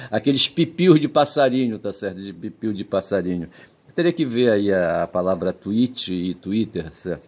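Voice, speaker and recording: A man's voice: on the low side, darkish tone. A man giving a rambling, casual monologue at home, swearing a lot, chuckling at his own jokes and tagging his sentences with checks for agreement. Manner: digressive, crude swearing, frequent "tá certo?" and "sabe?" tags, laughs at own jokes. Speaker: video commentator.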